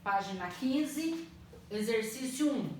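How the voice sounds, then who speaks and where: A woman teaching a primary school language lesson, spelling out words slowly and patiently, often checking that the children follow. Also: a little high, expressive, a little mellow. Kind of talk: slow, clearly spelled-out online lesson. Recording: echoey room, mic at a distance, faint noise.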